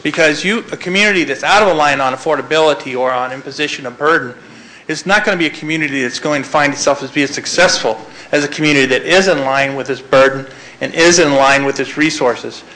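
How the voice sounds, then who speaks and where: Guy running a town meeting, bright voice, keeps restarting his sentences, little bit of room hiss. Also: fairly high pitch, quick pace, low-quality recording. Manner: rambling, restarts phrases often. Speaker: city manager leading a public meeting. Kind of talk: public meeting moderation.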